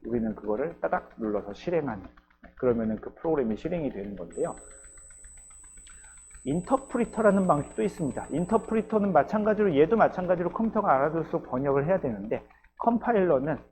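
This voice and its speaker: A man's voice: fairly high pitch, a little mellow, low-quality recording. A male university lecturer giving a recorded programming class, explaining step by step and often checking in with his students. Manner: patient, explains step by step with frequent "ye" and "geujyo" check-ins.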